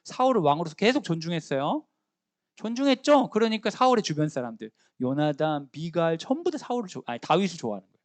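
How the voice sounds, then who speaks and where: A man's voice: a little high, fast talker, dry recording. A man, a school chaplain, preaching a sermon in a storytelling way and asking the listeners questions. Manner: lively storytelling, acting out the characters' lines; asks the listeners questions directly.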